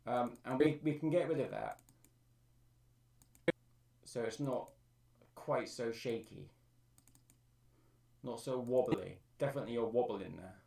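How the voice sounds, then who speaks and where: A man's voice: mid-range voice, measured pace, vocal fry, pauses often, warm tone, roomy sound, distant mic. A man on a live stream, thinking aloud as he explains how he edits his own vocal track. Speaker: streamer and amateur music producer. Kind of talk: live-stream tutorial talk.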